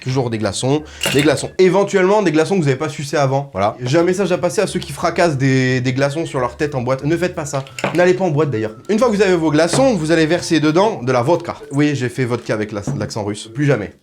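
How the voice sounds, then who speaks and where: A man's voice: a little high, animated, fast talker, hardly any pauses, slight background noise. A man hosting a comedic cocktail tutorial, talking straight to the viewer in crude, ironic, mock-serious patter. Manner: addresses viewer directly. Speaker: host.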